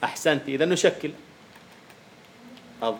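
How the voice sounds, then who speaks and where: A man lecturing a university class on poetic meter, questioning students and at times dropping to a quiet murmur. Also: fairly high pitch, moderate pace.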